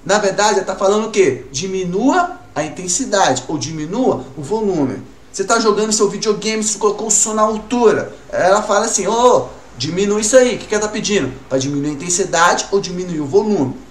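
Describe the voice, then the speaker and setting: A man teaching a recorded music class to children, asking questions and answering them himself in a lively way. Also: sits high, a little fast, hardly any pauses, recorded from a distance. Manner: lively, talks to pupils as "gurizada", asks and answers his own questions. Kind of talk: recorded online class for kids. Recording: roomy, from off-mic, faint room noise.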